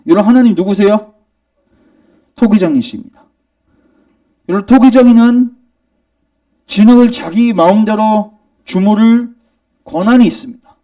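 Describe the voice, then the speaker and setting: A man preaching in a church sanctuary, his pitch set high and swinging widely as he puts questions to the congregation and answers them himself. His tone is dark and mellow, and he presses hard on each point. The voice is picked up from some distance away. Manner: emphatic, rising in argument. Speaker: pastor. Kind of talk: sermon.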